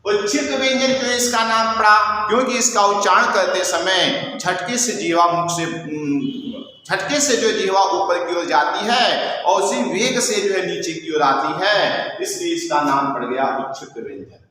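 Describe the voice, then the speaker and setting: A man's voice: high voice, a little slow, few pauses, pushed and bright. A male teacher giving a step-by-step classroom lecture, asking and answering his own questions and repeating key terms. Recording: echoey room with long reverb.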